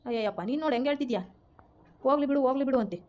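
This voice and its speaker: A woman's voice: high-pitched, rapid-fire, darkish tone, dull audio, close to an everyday voice. A woman playing a furious middle-aged mother-in-law who scolds and threatens to protect the family's honour. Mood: indignant.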